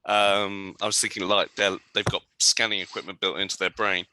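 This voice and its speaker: Gm guy, low-ish voice, super bright tone, lots of ums. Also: moderate pace, dry recording. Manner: relaxed, lots of ums, describing scenes and ruling on rolls. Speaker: game master. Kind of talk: narrating a tabletop game.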